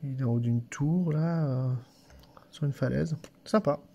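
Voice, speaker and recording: A man's voice: mid-range voice, unhurried, creaky, warm tone, lo-fi sound, slight background noise. Stammering man chatting over card packs. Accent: non-standard French accent. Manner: hesitant, repeats words and stammers a little; chatty, often addresses viewers directly. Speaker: card-opening channel host. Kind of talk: casual unboxing commentary. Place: office.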